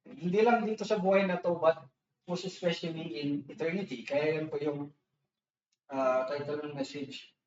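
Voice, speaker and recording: A fairly high-voiced man preaching a sermon to his congregation. He talks casually, restarting phrases and checking in with tag questions. The sound is dull and lo-fi, with heavy room echo, since he stands some way from the mic. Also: fairly even intonation, moderate pace, darkish tone, recorded from a distance, a little hiss or hum. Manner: conversational, mixes Tagalog and English, frequent restarts and tag questions. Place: church hall. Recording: echoey church hall, dull lo-fi sound, speaker off-mic.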